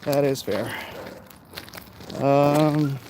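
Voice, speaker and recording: Walking along a street with a handheld phone, a livestream host in his forties chats casually and haltingly, reading viewer comments aloud and breaking off to talk to people with him in a rambling way. His voice is fairly high with a dark tone, and outdoor street noise comes through on the phone.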